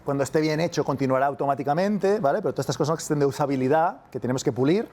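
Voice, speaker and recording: This university lecturer from Spain talks very fast in a slightly high, darkish voice, speaking with a Spanish accent. His masterclass is casual, and he keeps asking his audience "¿vale?" to make sure they're following.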